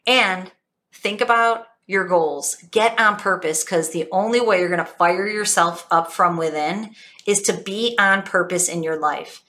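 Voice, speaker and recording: A woman coach giving an energetic, emphatic motivational talk, telling stories with animated emphasis. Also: lowish voice, a little slow.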